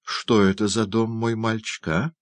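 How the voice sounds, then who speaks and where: Brief: a man playing a fussy old doctor, loud and blustering, voice pushed higher, dry audiobook sound. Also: little pitch movement, measured pace, dry recording, lightly acted. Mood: excited, blustering. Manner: blustering, shouting.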